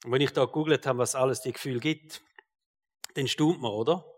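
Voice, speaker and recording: A man with a Swiss German accent preaching a sermon, moving from loud rhetorical questions to quiet, low asides. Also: fairly even intonation, fairly quick, big-room sound.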